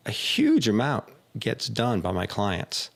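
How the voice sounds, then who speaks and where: Gravelly low-voiced man coaching, lively. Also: slow. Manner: animated storyteller, acts out clients' voices, laughs often. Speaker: executive coach, podcast host. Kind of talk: casual conversation.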